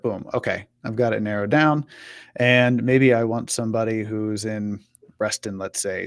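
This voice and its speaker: Presenting on a live web show, a man walks through an on-screen demonstration in a relaxed, conversational style, voicing imagined customer questions as examples. His voice sits on the low side, and the recording is clean studio sound with no room noise.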